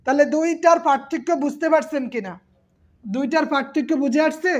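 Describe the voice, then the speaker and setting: A woman's voice: high-pitched, a little fast. A woman teacher giving an exam-prep class, patiently repeating terms and quizzing her students.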